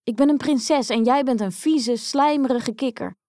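Spoiled princess, voiced by a woman, storybook, whiny, high, squeamish, dry room. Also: normal speed, mellow, dry recording, close to an everyday voice. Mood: disgusted.

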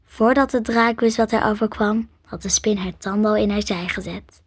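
A woman narrating a children's storybook in a soft, half-whispered voice. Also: mid-range voice, fairly even intonation, moderate pace, slightly rough, dry recording, clean studio sound. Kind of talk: storybook reading.

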